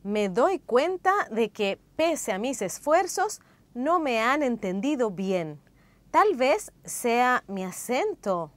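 A woman narrating a language course in a slow, clear, explanatory way. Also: on the high side, very animated, dry recording. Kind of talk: scripted lesson narration.

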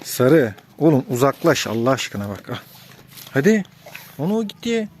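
A man's voice: mid-range voice, big pitch swings, moderate pace. A man vlogging while feeding dogs outdoors, giving firm commands to the dogs and casual asides to his viewers. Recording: noisy outdoor recording.

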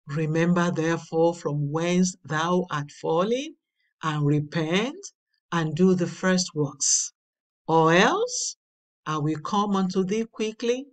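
A woman reads a daily devotional and its scripture at an unhurried pace. Her voice swings widely in pitch and swells for emphasis. She sits a little back from the microphone. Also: far from the mic. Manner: slow, deliberate reading with emphatic swells. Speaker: devotional reader. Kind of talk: slow read devotional with scripture.

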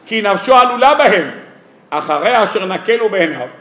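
A rabbi giving a weekly sermon to an audience, lively and humorous, firing off rhetorical questions and acting out everyday dialogues. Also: male voice, high-pitched. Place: lecture hall or synagogue. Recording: echoey hall sound.

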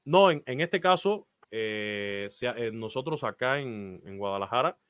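A man in his thirties from Cuba, who works as a baseball announcer, is an interview guest on a video call, earnestly telling his career story and giving advice, with frequent "eh" fillers in his Cuban Spanish accent. His mid-range voice is animated, a bit bright and clean, a little slow, in a dry recording from a small indoor room.

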